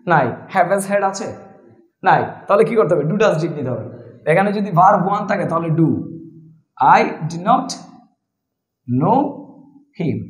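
A man's voice: high-pitched, echoey room, poor audio. A man teaching a spoken English lesson in Bengali, explaining step by step and spelling words out letter by letter.

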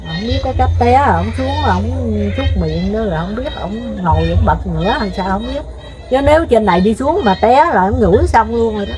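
A woman's voice: medium pitch, expressive, brisk, crowd noise. An older woman with a Mekong Delta accent, telling her story in an interview in a rambling way, full of fillers and repeats. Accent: Southern Vietnamese, Mekong Delta. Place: rural home by a river.

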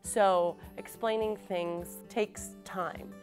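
A woman's voice: medium pitch, fairly even intonation, very slow, darkish tone, soft background music. A woman in her thirties, a public health nurse, speaking thoughtfully and conversationally in an interview.

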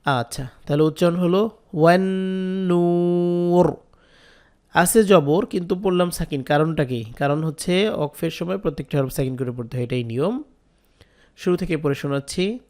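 A man with a Bangladeshi Bengali accent teaching Quran reading, spelling each word letter by letter and chanting the verses slowly. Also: a little high, a little mellow. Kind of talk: slow spelled-out recitation lesson.

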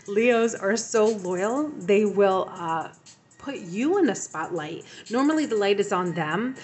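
A woman giving a tarot reading to her viewers, speaking in a reassuring way with frequent ums and repeated phrases. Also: medium pitch. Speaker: tarot reader.

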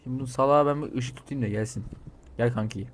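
A man giving crude, excitable commentary while playing a game, reading out the other characters' lines and yelling when startled. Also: medium pitch, fast talker, background noise. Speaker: gaming streamer. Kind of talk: swearing playthrough commentary.

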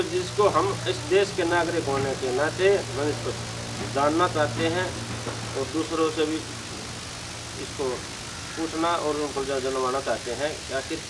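Seated outdoors in front of banners, a man who organises a contest answers interview questions with explanations, halting often and correcting his own words. A handheld news microphone is held to him, and the outdoor sound is noisy with the rumble of an idling vehicle.

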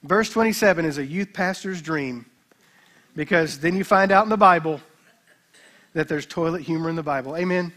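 High, bright-voiced man preaching a humorous sermon. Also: moderate pace. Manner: humorous, animated storytelling preacher. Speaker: pastor. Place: church service.

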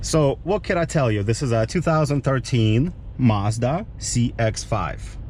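A man's voice: medium pitch, animated, a little slow, a little mellow. Cranky swearing man driving in traffic. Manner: cranky, swearing at other drivers. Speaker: vlogger. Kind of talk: casual driving vlog commentary. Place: inside a car on city streets. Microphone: camera mounted in the car. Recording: car and street noise behind.

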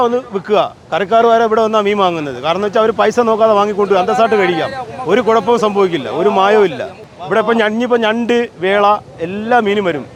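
Male fish trader, Kerala Malayalam accent, high voice, rapid unscripted explanation in the open air. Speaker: fish seller. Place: outdoor beach fish market.

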